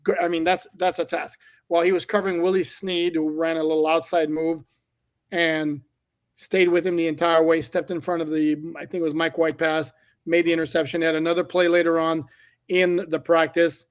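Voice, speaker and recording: Male reporter guest, slightly high flat voice, blunt and candid. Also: normal speed, smooth. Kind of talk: casual sports talk.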